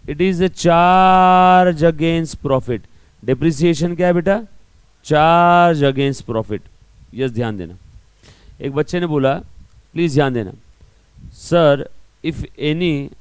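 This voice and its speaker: A man's voice: fairly high pitch, darkish tone, dry recording. A male accounting teacher giving a classroom lecture, explaining through everyday analogies and constantly checking whether students follow. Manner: keeps checking understanding with questions to students. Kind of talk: classroom lecture mixing Hindi and English.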